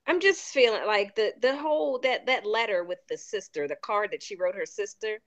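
A woman with a Baltimore accent, co-hosting a podcast in casual, animated chat. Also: medium pitch, moderate pace. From Baltimore, USA. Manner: animated, exclaims and voices her own reactions. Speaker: podcast co-host.

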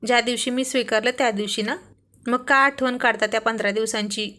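A woman's voice: a little high, steady tone, brisk, pushed and bright. A woman voicing a young wife who scolds her husband with exasperated affection in a read-aloud story.

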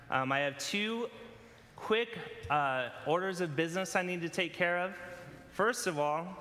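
A man from California preaching a casual sermon with a personal story, relaxed and conversational with many fillers. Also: fairly high pitch. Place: church sanctuary. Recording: long hall reverb.

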